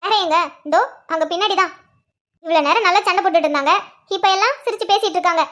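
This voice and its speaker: A woman voicing a chatty elder sister in a cartoon, telling events and calming others. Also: extremely high pitch. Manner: quick storytelling, soothing.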